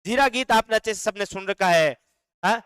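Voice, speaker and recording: A man with a Rajasthani accent teaching an online live class, dictating notes slowly, singing folk song lines and answering chat comments. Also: high-pitched, fairly bright tone, clear, resonant tone, no echo, studio quality.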